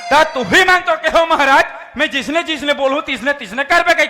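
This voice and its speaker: A man's voice: very high-pitched, fairly quick, pushed and bright. An actor with a Chhattisgarhi accent playing an exasperated village householder who parrots and scolds a priest, laughing as he goes. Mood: scolding. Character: exasperated village householder, adult man, mocking. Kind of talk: comic sketch acting.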